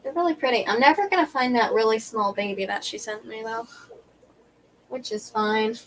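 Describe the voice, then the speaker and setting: A woman's voice: a little high, moderate pace, a little hiss or hum. A young woman hosting a casual livestream, enthusiastic and reading viewer comments aloud. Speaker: host.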